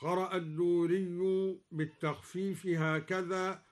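A man giving a radio lesson on Quran recitation variants. He explains each point in a measured way, then chants the verse as an example. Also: sits high, level tone.

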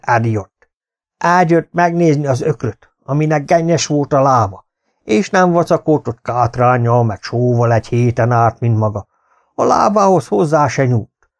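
A man voicing a gruff, domineering older farmer who growls and scolds in an audiobook. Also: on the high side, pitched above the performer's own voice. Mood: grudging praise. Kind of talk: audiobook character voice.

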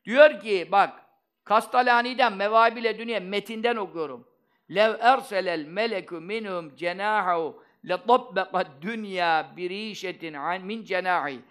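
High-pitched emphatic male preacher. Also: normal speed, clean tone. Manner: emphatic, animated preaching with Arabic recitations. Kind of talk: sermon.

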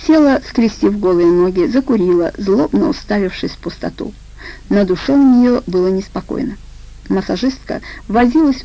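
A woman narrating a crime audiobook in a steady, even storytelling manner. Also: mid-range voice, low-quality recording.

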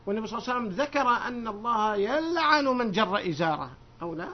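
Sheikh guy teaching a class fast, highish voice, dull lo-fi recording. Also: expressive. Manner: reads narrations aloud in a raised voice, then explains in a lower conversational tone; digressive, asks the students questions. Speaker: sheikh teaching a hadith book. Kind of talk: classroom lesson reading and explaining texts.

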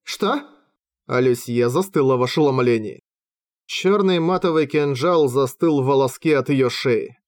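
A man narrating a fantasy audiobook in a steady, measured reading, recorded at home on a close microphone. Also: mid-range voice, no room sound.

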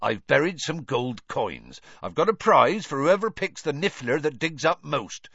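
A man's voice: fairly high pitch, big pitch swings, measured pace, a bit bright, slightly rough, dry recording, pitched above the performer's own voice, exaggerated voice. A man doing a big homely gamekeeper. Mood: cheerful. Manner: homely, dropped endings. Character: huge gruff kindly male gamekeeper. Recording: dull dry lo-fi audio.

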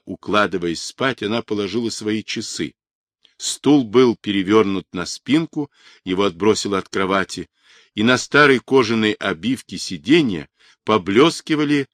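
A man narrating a literary novel in a measured, dramatic reading voice. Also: lowish voice, no room sound, studio quality. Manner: measured, dramatic reading that rises for quoted shouts. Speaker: audiobook narrator.

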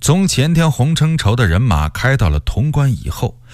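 A male storyteller giving an expressive radio reading of a historical novel. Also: medium pitch, moderate pace, no room sound. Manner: expressive, lively delivery.

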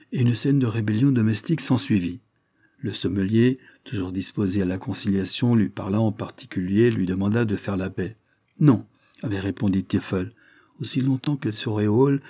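A male audiobook narrator reading in a measured, steady way. His voice is low, husky and dark.

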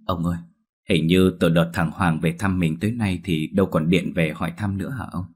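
Tearful old countrywoman in a ghost story, husky low voice, a male narrator voicing her. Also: steady tone, brisk, a little mellow. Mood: pleading. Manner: tearful, pleading. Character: frightened old village mother.

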